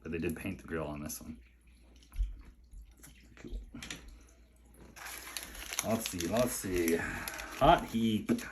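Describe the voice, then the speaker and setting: A man with a low voice speaks slowly, pausing often, as he casually unboxes a mail delivery and admires his collection. Between items the collector chats along and talks to his pet. There's slight background noise.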